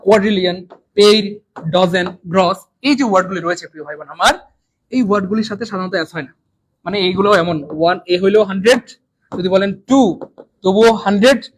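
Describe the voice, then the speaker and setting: A man with a Bangladeshi Bengali accent teaching an English exam lesson live online, repeating and drilling words and swinging between loud and soft. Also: high voice, a little hiss or hum, poor audio.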